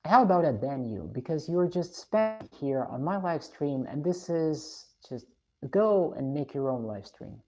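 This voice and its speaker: A woman's voice: low voice, lively intonation, measured pace, dark tone. A woman from Russia, live streaming, reading viewer comments and giving blunt, opinionated views.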